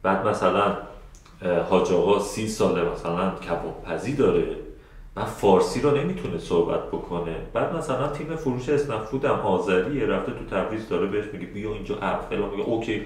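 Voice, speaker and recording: This is a webinar instructor leading a live online class in a somewhat deep voice. His delivery is casual and conversational, peppered with fillers and false starts, as he speaks straight to viewers and responds to what they ask. The room around his computer microphone echoes heavily.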